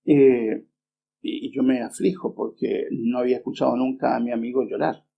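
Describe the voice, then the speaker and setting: A middle-aged man preaching a sermon, earnest and unhurried, often pausing with small hesitations as he tells a personal story. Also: medium pitch, fairly even intonation, vocal fry, slight background noise. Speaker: preacher and Bible teacher. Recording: dull lo-fi remastered recording.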